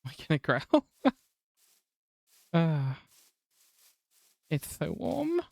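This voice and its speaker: A man's voice: fairly high pitch, big pitch swings, extremely slow, creaky, no room sound. A man streaming a video game who chats with his viewers in a casual, wry and self-mocking way and laughs often. He has a non-rhotic English accent. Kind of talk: casual live-stream chat while gaming.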